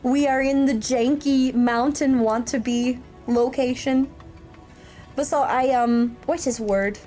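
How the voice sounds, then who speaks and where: Faint music plays behind a woman in her thirties, a military veteran, who chats and tells stories on a casual livestream. Her voice is high, mellow, and steady in tone, moving slowly. She rambles chattily, laughs often, and uses plenty of fillers.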